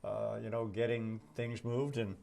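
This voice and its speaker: A man's voice: on the low side, level tone, unhurried, creaky, a little mellow, slight background noise. A man co-hosting a casual morning chat show, talking in a folksy way with wry, joking asides.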